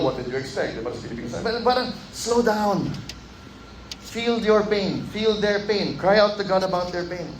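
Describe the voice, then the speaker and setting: A man preaching a sermon in a conversational, animated way, acting out quotes and slipping in Filipino words. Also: high voice, reverberant, slight background noise, rough recording. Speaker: pastor. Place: church hall.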